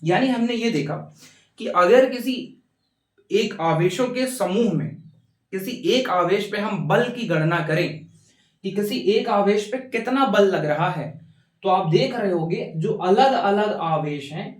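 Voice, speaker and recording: A man's voice: sits high, lively intonation, a little slow. A male physics teacher, lecturing students in a coaxing way and answering his own questions for them. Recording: roomy echo, mic at a distance.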